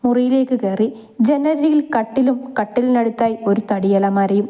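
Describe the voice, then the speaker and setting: A woman reading a romantic family story aloud in a gentle, steady storytelling manner. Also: fairly high pitch, moderate pace, highs cut off.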